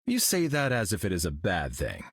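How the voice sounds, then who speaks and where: A very low, husky voice with a lively, rolling pitch gives life to a solemn golden cosmic hero in a video game. He sounds serene, calm and grave, speaking fairly quickly in a heavily acted performance, recorded close and completely dry.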